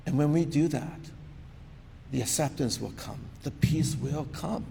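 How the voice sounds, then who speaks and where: A man's voice: measured pace, creaky, warm tone. A man preaching a sermon in an earnest, conversational way, often asking rhetorical questions. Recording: long reverb of a large hall, faint rumble.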